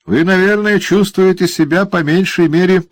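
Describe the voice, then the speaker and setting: A man's voice: high-pitched, normal speed, no echo, voice pushed up, lightly acted. A man voicing a cruel, gleeful male dwarf in an audiobook, barking orders with a snarl. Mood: gloating. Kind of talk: audiobook character voice.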